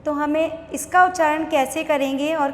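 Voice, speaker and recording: A woman with an Indian accent teaching young children an online lesson, spelling words slowly syllable by syllable. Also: high-pitched, fairly even intonation. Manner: slow, syllable-by-syllable spelling aloud. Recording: echoey room with long reverb.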